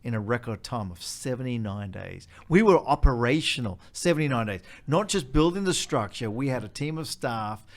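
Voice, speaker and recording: A man's voice: medium pitch, expressive, moderate pace, hardly any pauses. A man with an Australian accent, a charity leader explaining in an interview step by step and stressing key points by repeating them.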